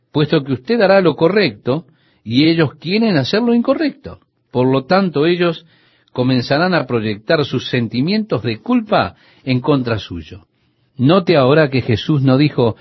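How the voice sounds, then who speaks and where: Husky lively-voiced male radio preacher. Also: medium pitch, no room sound. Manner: earnest, addresses the listener directly. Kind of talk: radio sermon. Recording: dull, lo-fi dry recording.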